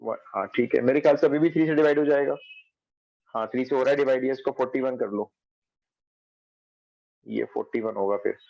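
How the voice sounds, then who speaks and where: A man's voice: medium pitch, fairly quick, gravelly, long pauses, no room sound, dull audio. A man teaching a math class online from home, explaining step by step and checking that students follow.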